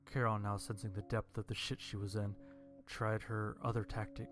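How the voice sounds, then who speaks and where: A man narrating a first-person horror story in a dry, deadpan way. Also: lowish voice, moderate pace, over music.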